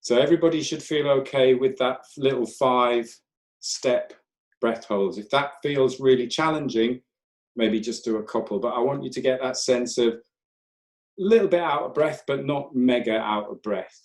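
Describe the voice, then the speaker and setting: A man leading a live online breathwork class, counting breaths and giving calm, gentle step-by-step cues. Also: medium pitch, moderate pace. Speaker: breathwork instructor. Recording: roomy echo.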